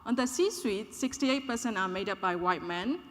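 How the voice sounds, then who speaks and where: A woman from Burma, in her thirties, giving a measured, clear conference talk to an audience. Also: mid-range voice, lively intonation, fairly bright tone, a little hiss or hum. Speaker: conference speaker. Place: conference hall. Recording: hall reverb, conference room.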